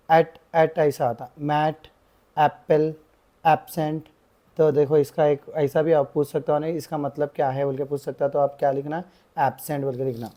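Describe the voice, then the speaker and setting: Mellow young male tutor. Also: fairly high pitch. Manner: repeats filler phrases, stretches example words slowly. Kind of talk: explaining grammar lesson.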